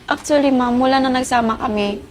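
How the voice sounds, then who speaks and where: A high-voiced woman speaks fairly quickly in an interview, politely recounting a painful story while close to tears and calling the interviewer ma'am. A little hiss or hum runs under the recording.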